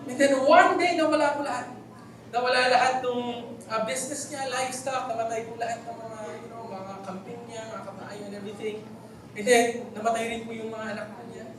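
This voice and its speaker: A man's voice: very high voice, steady tone, fairly quick, a bit bright. A man with a Filipino accent, preaching a sermon in a church hall, telling stories with jokes and asking the congregation questions. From Philippines. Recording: very echoey hall, voice from far off, faint noise.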